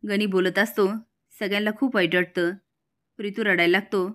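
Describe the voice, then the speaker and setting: A woman's voice: medium pitch, steady tone, brisk, fairly bright tone. Woman narrator recapping a serial, plain storytelling. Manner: plain storytelling, acting out each figure. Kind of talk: retelling a TV serial episode.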